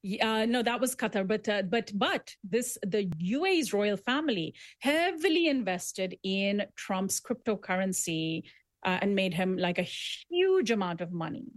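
A woman's voice: mid-range voice, lively intonation, unhurried, no echo. A woman born in Dubai, speaking as a guest author in an interview, making emphatic arguments with frequent restarts. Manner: earnest, emphatic, building arguments with repetitions. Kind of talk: conversational interview.

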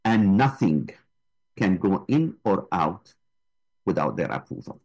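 A man's voice: low-pitched, big pitch swings, a little slow, darkish tone, poor audio. A man, a guest speaking with passion and emphasis in an interview. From Gaza. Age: 60s. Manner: impassioned, emphatic. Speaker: guest, flotilla volunteer. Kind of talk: interview answers.

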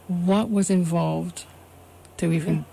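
Female host, low warm gravelly voice, slow deliberate questions. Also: steady tone, slight background noise. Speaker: interviewer host. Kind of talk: interview.

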